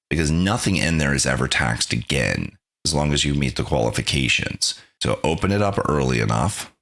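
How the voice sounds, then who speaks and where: An extremely deep male voice hosts a podcast, speaking in a conversational, reflective way. He recaps the lessons from his own experience in an even, natural delivery. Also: creaky. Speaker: podcast host. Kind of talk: podcast interview and narrated recap.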